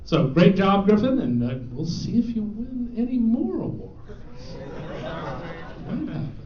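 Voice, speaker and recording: High-voiced man announcing student awards. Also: animated, a little slow. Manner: joking, teasing. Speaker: awards presenter. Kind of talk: announcing awards to a live audience. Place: event hall with an audience. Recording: echoey, dull hall recording.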